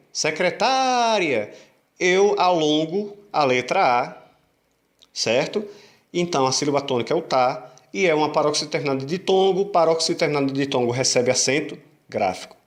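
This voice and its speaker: Teaching grammar online, this fairly high-pitched male Portuguese teacher goes over rules again and again with patience. He asks rhetorical questions and draws out syllables slowly to demonstrate stress.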